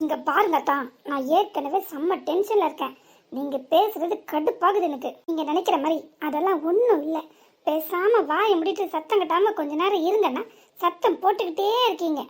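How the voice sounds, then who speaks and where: A woman voicing a quick-tempered, sharp-tongued young wife in a cartoon serial. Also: extremely high pitch. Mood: annoyed. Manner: bickering, sharp, quick retorts. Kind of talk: Tamil cartoon serial voice acting.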